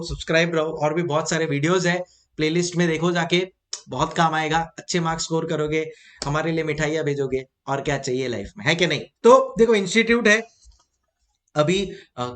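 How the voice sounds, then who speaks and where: Lively, high-pitched male teacher. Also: a little fast. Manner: lively, mixes English into Hindi, repeats key points, calls students "beta". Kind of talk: exam-prep lecture.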